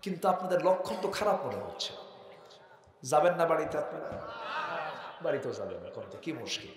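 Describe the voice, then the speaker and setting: A man with a Bangladeshi Bengali accent preaching a sermon at a night gathering, throwing questions to the crowd and swinging from soft asides to loud shouts. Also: on the high side, very animated, brisk. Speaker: Islamic preacher. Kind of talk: open-air waz sermon. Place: outdoor religious gathering at night. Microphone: PA microphone. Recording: echoey PA sound in a large outdoor gathering.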